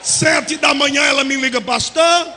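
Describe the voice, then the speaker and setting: A Brazilian man preaches with a strikingly high, piercing voice. He swings from storytelling into shouted, sing-song calls, and the sound rings out through a church with long reverb. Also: normal speed, a little hiss or hum. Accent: Brazilian Portuguese. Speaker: pastor. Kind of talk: Pentecostal sermon storytelling.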